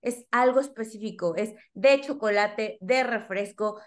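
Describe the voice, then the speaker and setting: A woman's voice: medium pitch, a little slow. A woman explaining to parents in an interview, teacherly, asking the listener questions as she goes. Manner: didactic, asks listeners questions, acts out children's dialogue.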